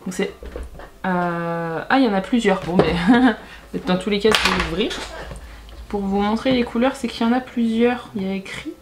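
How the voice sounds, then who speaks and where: A woman's voice: medium pitch, normal speed, background noise. A woman talking casually to camera in a beauty unboxing vlog, chatty and rambling, often hesitating and correcting herself. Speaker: beauty YouTuber.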